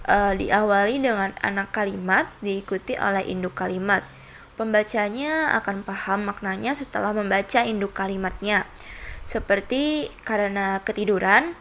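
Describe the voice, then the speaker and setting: A young woman talks through a grammar lesson in a steady reading voice. Her pitch sits in a middle range, and small hesitations break up the flow now and then. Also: a little hiss or hum. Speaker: student presenter.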